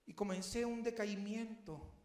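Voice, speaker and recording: A man's voice: high voice, unhurried, darkish tone, roomy sound. A man preaching a heartfelt, personal sermon that builds to emphatic questions. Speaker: pastor.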